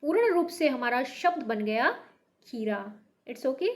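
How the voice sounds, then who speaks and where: A high-pitched woman gives a beginner Hindi lesson at an unhurried, deliberate pace. She is from North India and patiently repeats each word, stressing the sounds so learners can follow. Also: lively intonation, a little mellow. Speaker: Hindi teacher. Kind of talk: slow beginner language lesson.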